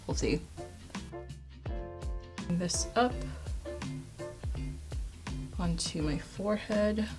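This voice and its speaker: A young woman in her late twenties talks chattily to her viewers as a beauty vlogger. Her voice sits on the low side for a woman. Faint music plays quietly under her voice. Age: 20s. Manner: chatty, upbeat, addresses viewers as you guys. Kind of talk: casual chat to camera. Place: indoor filming space.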